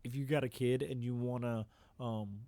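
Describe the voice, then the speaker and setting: A man co-hosting a podcast, chatting casually about football in a relaxed, rambling way with frequent ums. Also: medium pitch, normal speed, no echo. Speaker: podcast co-host. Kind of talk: casual sports chat.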